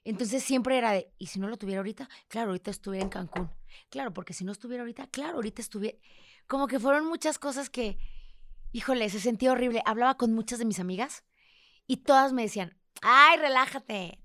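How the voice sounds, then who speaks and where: A woman's voice: fairly high pitch, fast, no room sound. Candid young Mexican woman, dry close sound. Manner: frank and emotional, swears freely, acts out quoted voices. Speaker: guest. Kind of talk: candid personal conversation.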